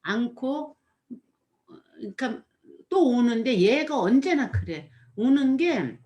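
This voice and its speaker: Woman chatting in a higher voice. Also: very animated, takes it slowly, mellow, dull audio. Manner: rambling, full of "이렇게" fillers. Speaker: storyteller recounting a performance. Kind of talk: casual chat.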